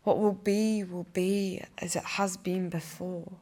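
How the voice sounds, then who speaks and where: A young woman, a poet, reading her own poems aloud in a cathedral with slow, measured delivery. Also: on the low side, steady tone, warm tone. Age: young adult. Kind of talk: poetry reading.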